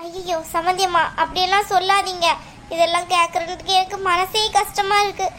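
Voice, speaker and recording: A woman voicing a gentle, apologetic middle-aged mother of the groom in a cartoon. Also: very high voice, level tone, brisk, slight background noise. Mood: soothing. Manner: soft, apologetic, soothing. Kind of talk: cartoon voice acting.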